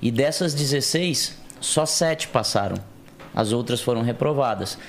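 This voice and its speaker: Measured Brazilian man, faint background noise. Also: mid-range voice, animated. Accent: Brazilian Portuguese. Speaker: guest, co-founder. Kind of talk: casual podcast conversation.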